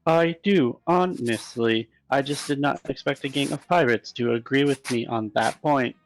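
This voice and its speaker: A man's voice: mid-range voice, moderate pace, soft background music, lightly acted, low-quality recording. A man voicing a polite, anxious male robot with stiff, formal diction in a voice-acted game playthrough. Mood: fretful.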